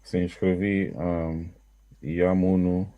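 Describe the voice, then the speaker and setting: A man, a student, reading single words slowly and flatly in class. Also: sits low, highs cut off.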